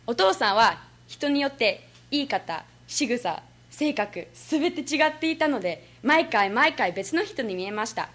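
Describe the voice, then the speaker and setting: Teen girl from the US, Kansai-accented, earnest prepared speech, bright tone. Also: a little high, big pitch swings, a little slow, hardly any pauses. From United States. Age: late teens. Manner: earnest, with frequent small laughs. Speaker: student speech contestant.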